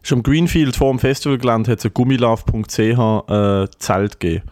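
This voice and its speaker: A man's voice: mid-range voice, fairly quick, darkish tone. A man with a Swiss German accent, co-hosting a comedy podcast. He rambles through stories, swears a lot and is ill and worn out. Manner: rambling storyteller, swears a lot, keeps saying "Alter". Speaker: podcast co-host. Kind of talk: casual comedic chat.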